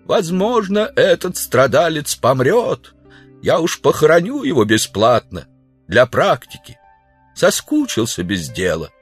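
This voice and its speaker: A man voicing an eager alien gravedigger in a children's audiobook, speaking in a very high, shrill voice. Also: huge pitch swings, a little slow, slightly rough, no room sound, faint music behind, heavily acted. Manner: shrill, exclaiming.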